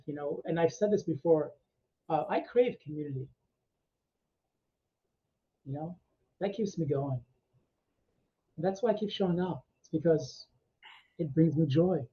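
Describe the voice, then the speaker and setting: A male meditation host chatting with his group on a video call, effusive and energetic. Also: fairly high pitch, husky. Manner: energetic, effusive, talks with laughs. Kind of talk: casual group chat after a meditation. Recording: slightly muffled video call audio.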